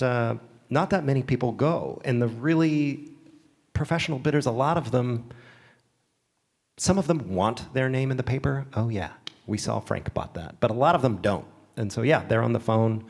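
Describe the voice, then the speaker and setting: Auctioneer on a panel: a man, animated, slips into bidders' voices as he tells stories. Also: mid-range voice. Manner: lively storyteller who acts out bidders. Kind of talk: panel discussion. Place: symposium stage before an audience.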